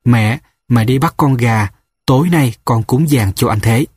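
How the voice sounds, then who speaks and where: A man's voice: mid-range voice, measured pace, a little mellow, husky, no echo, clean studio sound. A man reading a torn, stubborn young villager. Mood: anguished.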